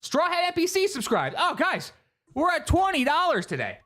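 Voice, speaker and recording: Chatty livestreamer with a lively voice. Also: high-pitched, moderate pace, soft background music. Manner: chatty and rambling, talks to chat. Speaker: live streamer. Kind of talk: live gameplay commentary.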